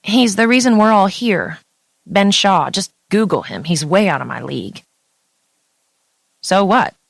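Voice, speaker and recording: A woman's voice: medium pitch, animated, a little slow, creaky, no echo, studio quality, voice pushed up. A woman reading an audiobook, voicing a blunt, foul-mouthed young woman who is the heroine's best friend. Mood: teasing. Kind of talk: audiobook character voice.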